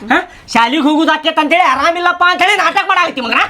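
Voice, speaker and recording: A man's voice: very high voice, quick pace. A man playing a strict, nagging village father in a comedy sketch, with a North Karnataka Kannada accent. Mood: scolding. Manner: scolding, loud and nagging. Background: background music.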